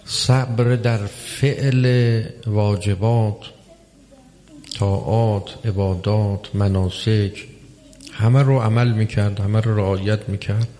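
A man preaching a religious sermon, measured and emphatic, with long pauses between phrases. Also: fairly low pitch, fairly even intonation, mellow. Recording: long hall reverb.

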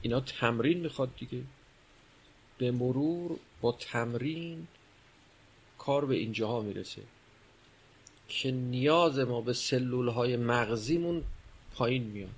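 A man's voice: mid-range voice, long pauses, breathy edge. A man giving a religious lecture, explaining and posing rhetorical questions. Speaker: religious speaker.

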